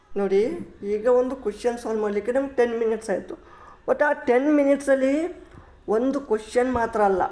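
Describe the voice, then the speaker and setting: A man's voice: high-pitched, darkish tone. A man teaching an exam-prep lesson, repeating points and reading English questions out word by word. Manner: slow, repetitive, reads English questions word by word. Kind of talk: classroom-style exam lecture. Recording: echoey room.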